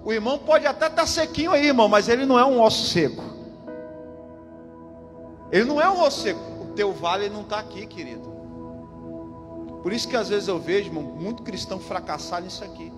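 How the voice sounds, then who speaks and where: A man's voice: high-pitched, animated, fairly quick, pauses often. A man with a Brazilian Portuguese accent, a pastor preaching a fervent, emphatic sermon at a church service and calling out to the congregation. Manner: emphatic, repeats lines, calls out to the congregation. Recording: reverberant church hall with music behind. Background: music and congregation.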